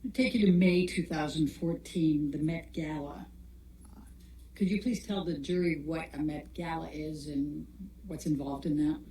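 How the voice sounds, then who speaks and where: A woman lawyer questioning a witness in court with formal, measured prompts. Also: low voice, dark tone. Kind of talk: courtroom examination. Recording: echoey courtroom with faint room noise.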